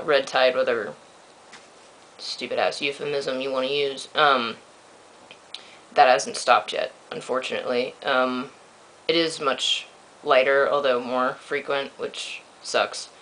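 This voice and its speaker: A man with a reedy, slightly squeaky voice talking in a dry, self-deprecating, blunt way in a casual video diary. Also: creaky, bright, forceful tone, a little hiss or hum, low-quality recording. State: sore throat. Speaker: video blogger giving a personal update. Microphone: built-in microphone of an old point-and-shoot camera.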